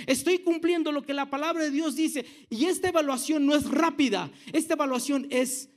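A man. He asks the congregation questions and teases them with jokes as he explains the text. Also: very high voice. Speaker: pastor. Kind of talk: sermon to a congregation.

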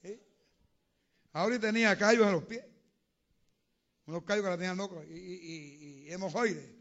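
A man preaching a sermon, telling testimonies and building to loud, fervent preaching. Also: high voice, normal speed, muffled recording.

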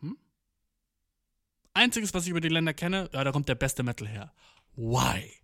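A man's voice: fairly high pitch, lively intonation, moderate pace, pushed and bright, no echo, studio quality. A young man telling a rambling comic story in a slangy, swearing manner, dropping English phrases and acting out quotes. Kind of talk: rambling comedic monologue.

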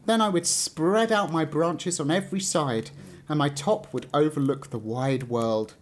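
A man's voice: on the high side, unhurried, lightly acted. A man voicing a small, discontented young fir tree that longs to grow tall. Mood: longing. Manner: wistful, longing.

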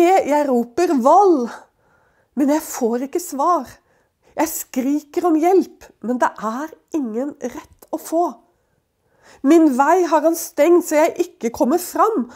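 A woman reading the part of an anguished, suffering man lifts his voice high and strained, crying out to God. The words come slow and pleading, loud and pressed, as if begging to be heard. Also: natural voice.

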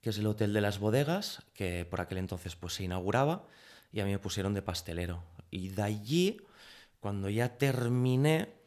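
Casting: low-pitched man, thirties, from Spain, chatty interview guest who acts out quoted dialogue. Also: animated, normal speed, darkish tone. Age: 30s. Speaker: guest, pastry chef. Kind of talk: casual interview storytelling.

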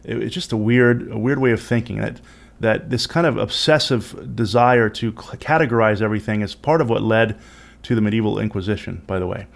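A man's voice: on the low side, a little fast, vocal fry. A man presenting an educational talk in a casual, conversational and musing way, often checking in with rhetorical questions. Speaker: host and presenter of an educational video series. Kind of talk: casual explanatory lecture.

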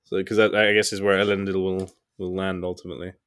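A man's voice: low-pitched, little pitch movement, fast talker, fairly bright tone. Frank, laughing man chatting. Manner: frank, swears freely, laughs often. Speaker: podcast co-host. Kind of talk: casual chat.

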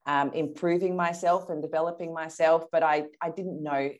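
Her voice sits low, with a steady tone and normal pacing. She's an Australian interview guest in her early thirties from Perth, telling her personal story candidly, self-assuredly and conversationally.

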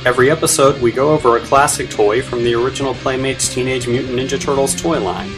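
A man presents a scripted podcast promo at a middling pitch. Guitar music runs clearly behind his voice. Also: little pitch movement, fast talker.

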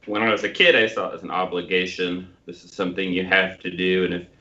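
A middle-aged American man co-hosting a casual discussion, thoughtful and halting, with some self-deprecation. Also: low-pitched, steady tone, bright, forceful tone, lo-fi sound. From Tulsa, Oklahoma, United States. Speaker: podcast co-host.

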